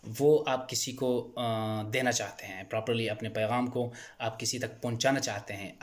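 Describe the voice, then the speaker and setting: A man giving an earnest explanatory talk as a channel host, often repeating words and restarting phrases, and rising in pitch when he stresses a point. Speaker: channel host speaking on stammering.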